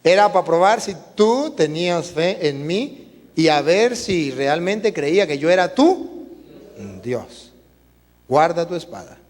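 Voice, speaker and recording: A preacher voicing God, firm and commanding. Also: male voice, fairly high pitch, expressive, slow, a little mellow, long reverb tail. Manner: firm, testing. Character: God, commanding and fatherly male voice.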